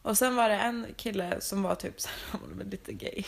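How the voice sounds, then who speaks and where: A young woman telling lively travel stories in casual chat, mixing in English phrases and laughing often. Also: mid-range voice, creaky.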